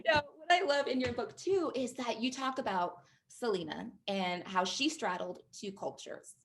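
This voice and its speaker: A woman's voice: on the high side, moderate pace. A woman radio host interviewing a guest over a video call, affirming and laughing along. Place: home room, indoors. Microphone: video call webcam.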